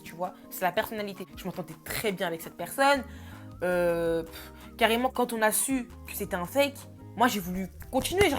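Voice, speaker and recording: A young woman vlogger telling a story in a casual, chatty, slangy way, full of fillers. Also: medium pitch.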